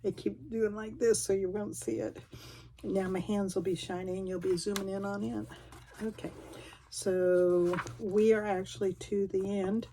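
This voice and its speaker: A woman's voice: medium pitch, fairly even intonation, unhurried, warm tone, slight background noise. A middle-aged woman, chatting casually and a bit self-deprecatingly as she flips through a craft journal. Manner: folksy, self-deprecating, rambling. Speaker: craft vlogger.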